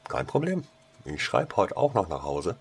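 A man's voice: fairly low pitch, very animated, normal speed, creaky, slight background noise, pitched above the performer's own voice. A man voicing a cheerful, tomboyish teenage schoolgirl who teases and giggles in a raised voice. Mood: playful. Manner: giggly, teasing.

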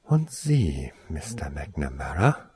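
A man voicing a stern, sneering male professor in a storybook reading, slow and cutting. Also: a bass voice, big pitch swings, mellow, husky, pitched below the performer's own voice, exaggerated voice. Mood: contemptuous.

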